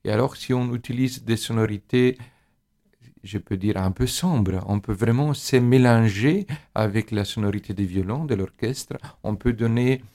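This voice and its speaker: A man with a creaky, lowish voice and a dark tone speaks French with a foreign accent, his first language being Italian. He's a musician interviewed as an expert on organ music, explaining things haltingly as he searches for words in imperfect French.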